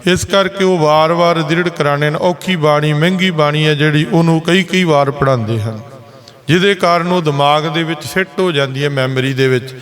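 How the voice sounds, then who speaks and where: A man giving a Sikh sermon, explaining scripture slowly and chanting its verses between his explanations. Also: a little high, fairly bright tone. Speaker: Sikh preacher giving katha. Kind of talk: sermon with sung scripture lines. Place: gurdwara.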